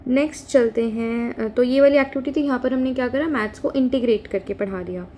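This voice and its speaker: A woman's voice: fairly high pitch, brisk, a little mellow, slight background noise. A woman with an Indian accent explaining a lesson plan step by step, switching between Hindi and English. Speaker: teacher trainer.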